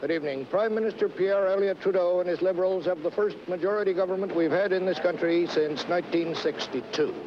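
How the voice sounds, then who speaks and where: A news anchor reading the evening news in a crisp, formal way, heard from an old TV broadcast replayed through a speaker. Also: male voice, high voice, brisk, hardly any pauses. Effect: old TV newscast replayed through a speaker. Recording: muffled archive broadcast with hiss.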